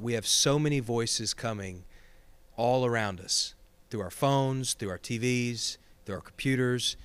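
A man's voice: medium pitch, a bit bright, clean tone, no room sound. A man, a pastor, talking earnestly in an interview, with emphatic repeated phrases that build like preaching.

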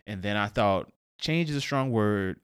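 Young guy cohosting a podcast, lowish voice, rambles, restarts a lot, dry close mic. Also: animated, measured pace, clean tone, dry recording. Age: young adult. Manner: rambling, searches for words, quotes himself. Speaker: podcast co-host. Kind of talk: casual chat.

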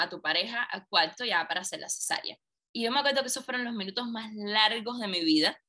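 A woman guest, telling a personal story in conversation and acting out the dialogue. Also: mid-range voice. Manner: animated, acts out quoted dialogue. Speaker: interview guest.

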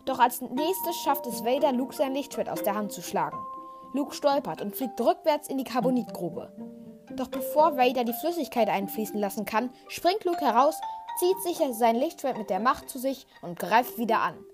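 A woman retells a story in a scripted, dramatic narration. Her voice sits on the high side. Clear music plays underneath throughout. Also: expressive, normal speed. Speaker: podcast host.

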